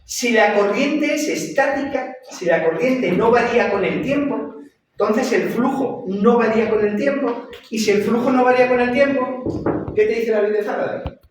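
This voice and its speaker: A man's voice: extremely high pitch, moderate pace, slight background noise. Lecturing man, far off in an echoey room. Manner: repeats and checks understanding with "¿vale?". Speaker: university lecturer. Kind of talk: classroom lecture.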